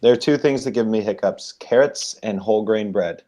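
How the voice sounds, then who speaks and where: A man's voice: fairly low pitch, brisk, dark tone. A young man chatting as a guest on a casual hangout, rambling and hesitant with lots of fillers. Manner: rambling, hesitant, self-conscious.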